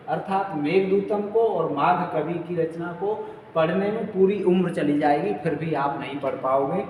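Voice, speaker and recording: A fairly high-pitched male teacher works through exam quiz questions, repeating each key word slowly and checking in often. He sounds distant from the mic. His voice rings with a long room echo over faint background noise. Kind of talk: exam-prep quiz lesson.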